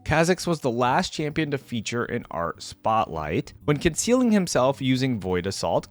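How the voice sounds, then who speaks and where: A video creator with a medium-pitched voice gives casual, off-the-cuff reaction commentary, thinking aloud conversationally.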